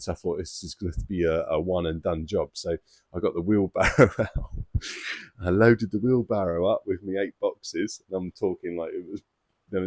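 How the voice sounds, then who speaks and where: With a deep, low, darkish voice, this koi-keeping vlogger, an adult dad of two boys, jokes about himself to camera like he's spinning a yarn for friends. He chats freely and laughs as he goes, captured in a close, dry recording free of room sound.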